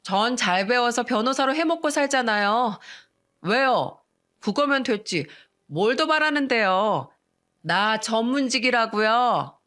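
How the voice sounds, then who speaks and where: Woman doing a snooty drunk lawyer lady, sneering and pushy, higher and louder. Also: lively intonation, moderate pace, natural voice. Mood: smug. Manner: mocking, drunken taunting. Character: arrogant young woman lawyer, rude and condescending.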